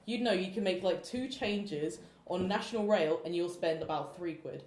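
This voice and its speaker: A woman's voice: fairly low pitch, a little mellow. A woman, hosting a podcast in casual chat and swearing freely. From London. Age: late teens. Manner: chatty, quick, swears casually. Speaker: podcast host. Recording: echoey room.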